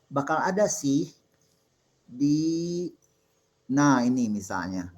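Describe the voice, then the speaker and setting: A man's voice: medium pitch, big pitch swings, slow pace, a little mellow, muffled recording. A middle-aged man, a lecturer, patiently answering student questions in a class and explaining step by step with examples. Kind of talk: classroom Q&A on assembly programming.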